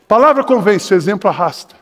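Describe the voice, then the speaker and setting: Older man, Brazilian Portuguese accent, pastor preaching, very high voice, long church reverb, shouts then drops low. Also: lively intonation, fast talker. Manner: impassioned, swings between shouting and lowered urgent tones. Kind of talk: sermon. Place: church sanctuary.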